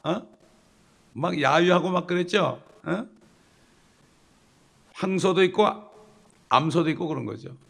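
A man preaching a sermon, emphatic, with sudden loud bursts and rhetorical questions to the congregation. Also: sits high, unhurried, creaky, pauses often. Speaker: pastor.

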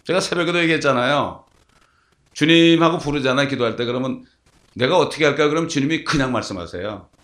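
A male pastor preaches with a gravelly edge in his voice. He tells stories and keeps asking the congregation rhetorical questions as he goes. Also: mid-range voice, fast, fairly bright tone. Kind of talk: sermon.

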